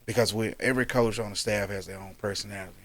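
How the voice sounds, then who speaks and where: A man talking as a guest in a casual interview, laid back and calm as he tells his stories. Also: fairly low pitch, quick pace. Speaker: basketball coach, podcast guest.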